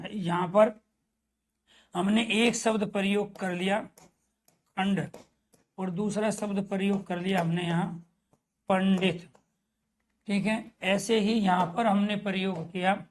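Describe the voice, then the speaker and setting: Male Hindi teacher quizzing his class. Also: sits high. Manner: asks the class questions and answers them himself; addresses viewers as dear friends. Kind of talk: online class lesson.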